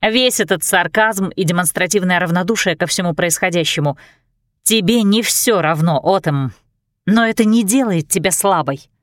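A woman's voice: lowish voice, normal speed, dry recording, studio quality. A woman narrating a first-person audiobook in an intimate, confessional way.

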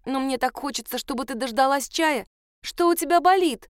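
A woman voicing an imaginative, excitable girl who talks in a breathless, theatrical, gushing way. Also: high-pitched, normal speed, no room sound, studio quality, voice pushed up, close to an everyday voice. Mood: pleading, anxious.

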